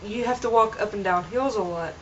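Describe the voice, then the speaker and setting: A young woman vlogs casually from home, talking earnestly but rambling and restarting her sentences. Her medium-pitched voice is fairly quick. The camera-mic recording has a dull, lo-fi home-video quality with slight background noise.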